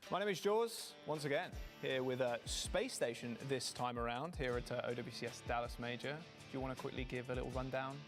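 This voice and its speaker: A man's voice: mid-range voice, a little fast, hardly any pauses. A man interviewing esports players at an event in a playful, light-hearted way. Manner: playful, laughing often. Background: background music.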